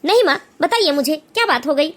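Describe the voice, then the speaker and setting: A devoted young son pleads earnestly with his mother, played by a woman. The cartoon voice is high and sincere. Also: animated, brisk. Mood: pleading. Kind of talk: cartoon voice acting.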